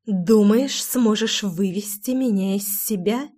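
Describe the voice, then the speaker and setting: A woman's voice: mid-range voice, slow, mellow. Woman voicing Marina, gloating woman villain. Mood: menacing. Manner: cold, gloating, hissing threats. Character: vengeful scheming woman villain, psychopathic.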